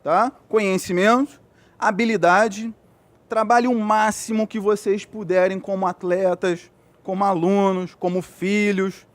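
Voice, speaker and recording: High-voiced Brazilian man giving a pep talk. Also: steady tone, a little slow. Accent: Brazilian Portuguese. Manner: earnest, repetitive, checks with "né?" and "tá?". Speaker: physiotherapist giving a talk to young athletes. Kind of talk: motivational speech.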